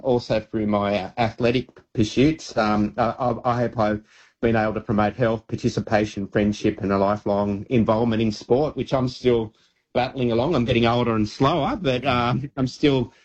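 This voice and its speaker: An Australian man in his late fifties speaks as a radio guest. He talks in an earnest, halting way, full of ums and restarts. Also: mid-range voice, steady tone, dull audio. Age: 50s. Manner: earnest, halting with many fillers. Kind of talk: casual radio chat.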